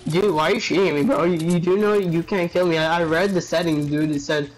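A man's voice: on the high side, steady tone, fast talker, slight background noise, low-quality recording. A man in game voice chat, teasing and mocking strangers in a mock-innocent way. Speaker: gamer trolling strangers.

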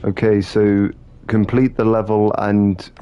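A man streaming a game with friends, chatting casually and shouting when the play gets tense. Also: on the low side, slow pace, lo-fi sound, slight background noise. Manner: excitable, shouts during tense moments. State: feeling cold. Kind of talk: casual gaming chat.

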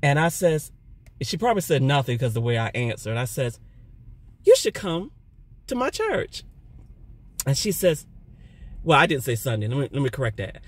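A middle-aged man giving a casual spoken testimony, talking loudly and telling his story with energy. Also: medium pitch, fairly quick, husky. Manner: loud, animated storytelling. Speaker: churchgoer sharing a testimony.

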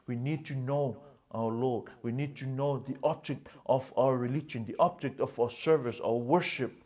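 A man preaching a sermon as pastor, impassioned, with slow, emphatic phrases that swing between loud and hushed. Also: mid-range voice, steady tone.

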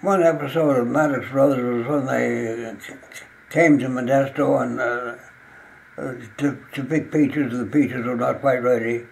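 A very old man, around a hundred, reminiscing in an interview, halting and stammering as he searches for words, with an aged voice. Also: mid-range voice, fairly even intonation, rough recording. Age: very old, about 102. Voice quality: gravelly, aged voice. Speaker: interviewee recalling local music history. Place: small living room, indoors.

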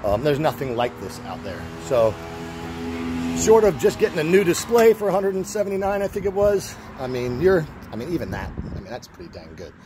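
A man's voice: a little high, sing-song, a little fast, over music. A middle-aged man casually walking through a machine he is selling, rambling, restarting his sentences and using lots of fillers. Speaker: seller showing a machine. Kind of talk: casual walkthrough. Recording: noisy outdoor recording.

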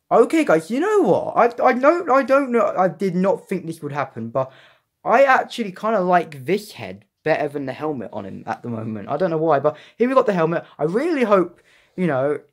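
A young man chatting casually as he reviews a collectible figure, excitable and rambling with frequent restarts. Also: a little high. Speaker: toy reviewer. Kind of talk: casual unboxing vlog.

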